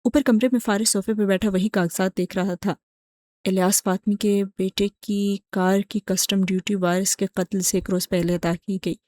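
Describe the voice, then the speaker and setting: A woman narrating a romantic novel as an audiobook in a steady storytelling voice. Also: medium pitch.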